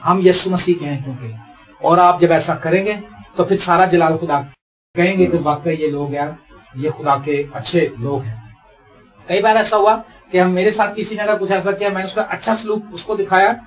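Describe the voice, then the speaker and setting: A male pastor preaching a sermon. He swings between loud, emphatic lines and low, quiet asides.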